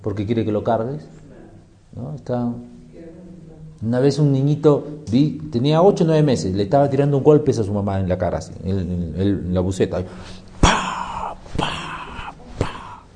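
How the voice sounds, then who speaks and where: Male preacher, mellow dark tone, emphatic delivery, rhetorical questions. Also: medium pitch, normal speed. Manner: emphatic, fires rhetorical questions and answers them. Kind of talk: sermon.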